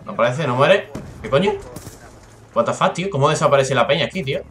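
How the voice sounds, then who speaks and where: A young man from Spain with a Spanish accent, excitably commentating a live shooter game, swearing and chatting with his viewers. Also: medium pitch, fast. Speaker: gaming streamer.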